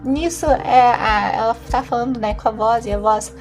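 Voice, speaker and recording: A woman recapping a stage play she acted in, in a chatty, animated way with frequent tag questions. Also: a little high, moderate pace, faint music behind. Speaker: actress and vlogger.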